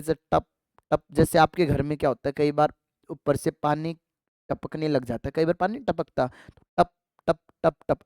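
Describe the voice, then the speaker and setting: Smooth-voiced biology teacher drilling exam students. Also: mid-range voice, a little mellow, dry recording, studio quality. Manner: asks students rhetorical questions and answers them; calls students affectionately "child" and "dear kids". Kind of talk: exam-prep classroom lecture.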